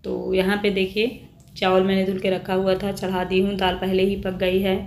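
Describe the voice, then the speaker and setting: A woman's voice: medium pitch, monotone, moderate pace, darkish tone. A woman chatting casually with viewers as she cooks in her home kitchen, narrating what she is making. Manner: chatty, addresses viewers as friends. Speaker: home cooking vlogger. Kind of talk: casual cooking vlog narration. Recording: roomy kitchen echo, faint background noise.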